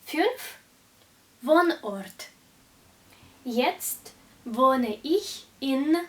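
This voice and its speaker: Recorded on a distant mic, this high-voiced female German teacher in her 20s gives a beginner lesson slowly and with careful articulation. She is from Russia, speaks Russian as her first language, and sounds animated.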